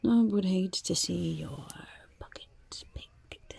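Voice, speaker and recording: A shifty little goblin vendor, acted out by a woman in an ASMR roleplay. The voice is a very breathy, raspy whisper with a gravelly crackle. The patter is slow, boastful and easily flustered, full of stammered sales talk. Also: on the low side, a little mellow, full character voice. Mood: flustered, nervous. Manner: speaks of self in third person, stammering sales patter.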